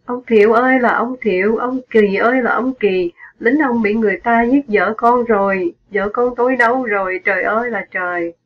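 A woman's voice: mid-range voice, moderate pace, muffled recording, natural voice. A woman voicing a poor, grieving middle-aged former soldier who laments his wife's death in a mournful, wailing tone.

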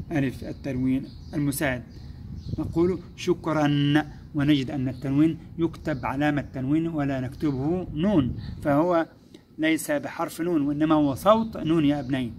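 A man teaching first-grade pupils, explaining step by step, praising them and slowing down to sound out syllables. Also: a little high, steady tone, darkish tone, a little hiss or hum. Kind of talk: recorded classroom lesson.

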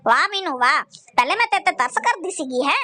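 A woman's voice: high-pitched, animated, fast, pushed and bright. A woman roasting someone in crude, mocking, scolding commentary full of profanity.

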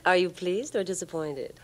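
An actress playing a flirtatious, self-assured seductress in a TV drama, teasing and unhurried. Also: female voice, on the low side, lively intonation, a little hiss or hum. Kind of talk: 1980s TV action drama dialogue. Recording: TV soundtrack with music behind.

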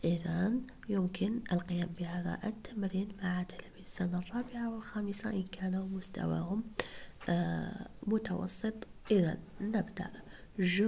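A woman teaching French syllables to young pupils in a soft, breathy whisper, slow and patient, sounding out each syllable. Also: medium pitch, slight background noise. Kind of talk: whispered online lesson.

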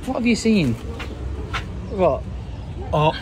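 Lively higher-pitched British man vlogging. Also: takes it slowly, a crowd in the background. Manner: jokey, exclamatory, slangy. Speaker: travel vlogger. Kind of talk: casual travel vlog chat.

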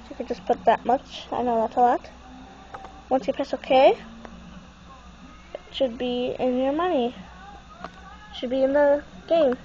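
Casual tutorial presenter, young female, high pitch, congested nasal tone, dull phone recording. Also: a little mellow. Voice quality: stuffy, congested-sounding nasal voice. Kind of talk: casual unscripted how-to walkthrough. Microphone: handheld phone. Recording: muffled, noisy phone camera recording.

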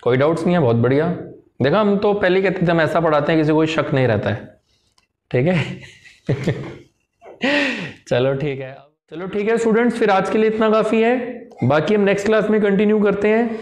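A man with a fairly high voice teaching an English lesson in Hindi, sprinkled with English terms. He talks in a chatty, repetitive way and keeps checking in with his class. The room is echoey. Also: moderate pace, a little mellow. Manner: chatty, repeats phrases, often checks with "theek hai?".

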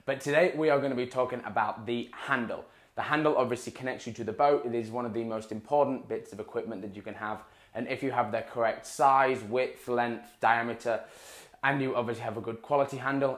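Casual young man explaining ski gear. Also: medium pitch. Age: young adult. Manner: casual, explanatory, repeats words for emphasis. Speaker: water-ski coach. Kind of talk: instructional talk to camera. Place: small indoor room in front of a dark wall. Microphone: clip-on lapel mic.

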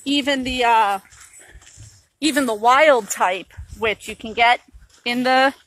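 A woman's voice: fairly high pitch, slow pace, fairly bright tone, low-quality recording. A woman talking through a face mask, casually explaining things as a nature guide on an outdoor hike. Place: outdoors on a hiking trail.

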